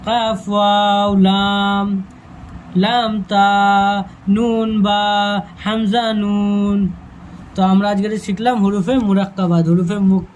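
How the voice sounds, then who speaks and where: A man teaching Quran reading, calling out letters slowly one by one and explaining in quick asides. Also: high-pitched, a little mellow, a little hiss or hum, low-quality recording. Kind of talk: step-by-step reading lesson.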